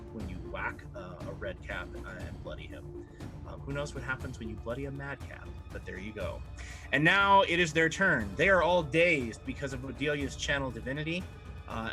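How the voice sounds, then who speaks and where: A man running a tabletop game as game master, narrating action and explaining rules conversationally, drawing out words for drama. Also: medium pitch. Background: music.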